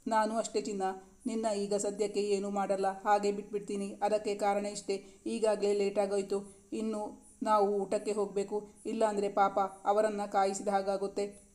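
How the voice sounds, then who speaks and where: ಮಹಿಳೆ ಆಡಿಸುವ ಕಾಡಿಸುವ ಯುವ ಗಂಡ. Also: female voice, medium pitch, monotone, moderate pace, close to an everyday voice. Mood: teasing. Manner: teasing, soft-spoken. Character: teasing playful young husband.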